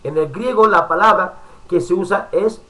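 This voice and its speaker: Male preacher, fairly high voice, pastoral Bible-study sermon, chatty asides, soft music underneath. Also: low-quality recording. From Spain. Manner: warm pastoral address with frequent asides, pausing to work the computer.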